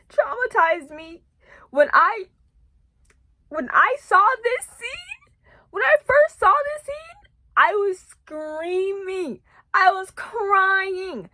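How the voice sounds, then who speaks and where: A young woman vlogger chatting casually, rambling and excitable, with many restarts and emphatic repeats. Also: very high voice, no echo, clean studio sound. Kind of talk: casual chat.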